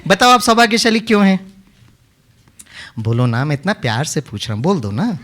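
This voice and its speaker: A man's voice: sits high, sing-song, moderate pace, fairly bright tone. A man leading a session for children at a summer camp, teaching playfully and coaxing the kids in a teasing way, speaking into a handheld mic. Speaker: kids' camp session leader. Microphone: handheld microphone.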